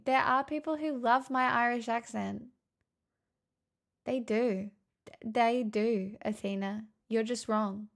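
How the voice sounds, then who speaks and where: This woman streamer's slightly high voice has some vocal fry as she talks casually with viewers. She's playful and teasing, often making fun of herself.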